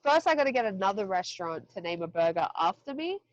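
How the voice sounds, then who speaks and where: A woman's voice: mid-range voice, sing-song, fast talker, highs cut off. Candid, casual woman in her thirties. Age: 30s. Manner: candid, frequent swearing and laughing asides. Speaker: podcast guest, fighter. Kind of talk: casual interview chat.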